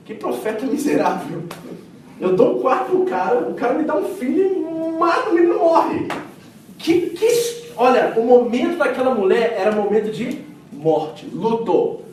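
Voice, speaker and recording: A man preaching a sermon as pastor, telling the story with lively acted-out quotes and swings between loud and hushed. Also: high voice, a little hiss or hum. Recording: echoey hall miked from a distance.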